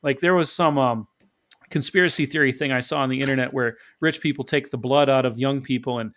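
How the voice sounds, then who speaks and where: A man's voice: mid-range voice, steady tone, fairly quick, background noise. A man co-hosting a casual discussion podcast, explaining his points methodically. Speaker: podcast co-host.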